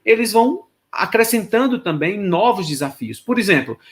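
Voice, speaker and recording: A man's voice: sits high, big pitch swings, moderate pace. A man giving a lecture on choral rehearsal technique, speaking to students and singing solfège syllables as examples. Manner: sings solfège syllables to demonstrate; addresses students directly, instructive. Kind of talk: lecture with sung solfège demonstrations.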